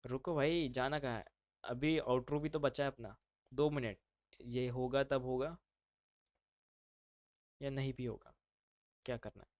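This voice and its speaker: A man's voice: mid-range voice, steady tone, a little slow, long pauses, darkish tone, dry recording. A man teaching a live online class, talking casually and mixing in English terms. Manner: casual, brotherly, mixes English terms into speech.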